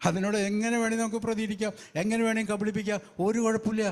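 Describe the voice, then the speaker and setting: Fervent high-voiced male preacher. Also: little pitch movement, quick pace. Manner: fervent, peppered with hallelujah and praise the Lord. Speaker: evangelist preacher. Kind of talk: sermon.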